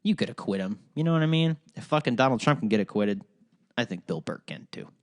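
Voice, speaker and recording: A young Ohio podcaster with a Midwestern accent talks fast and animatedly at medium pitch, in studio-quality audio without echo. Running the show solo, he curses casually, rambles, and keeps restarting amid lots of fillers.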